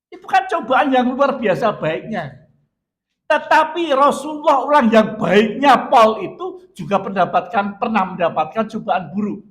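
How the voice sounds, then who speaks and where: High-voiced Javanese-accented male preacher. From Indonesia. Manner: animated storytelling, acting out voices. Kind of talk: dawn mosque sermon. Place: mosque.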